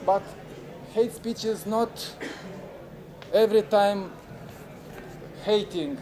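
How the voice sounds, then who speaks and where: Recorded on a handheld camera, this clip features a high-voiced, dark-toned man in his forties from Moldova whose native language is Romanian. As moderator of an unconference talk, he addresses an audience in a conference room in hesitant English, with frequent fillers and restarts.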